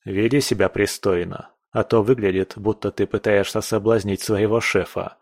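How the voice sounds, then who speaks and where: A man's voice: on the low side, steady tone, normal speed, dry recording, clean studio sound. A man voicing a stern aristocratic lord in an audiobook, curt and threatening. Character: stern, cold aristocratic male lord and newspaper owner. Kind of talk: audiobook character voice.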